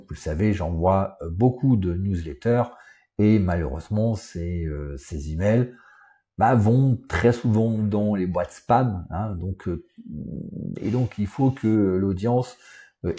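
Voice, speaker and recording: A man's voice: low voice, dark tone. A man giving an unscripted online lesson on coaching, talking casually with many fillers and tag questions. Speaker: school coaching trainer.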